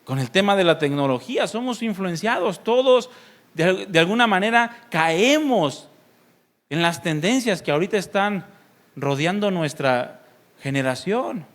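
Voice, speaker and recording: A man's voice: high voice, animated, a little slow, fairly bright tone. A man from Mexico preaching a sermon as pastor, talking conversationally, putting questions to the congregation and playfully imitating other people's voices.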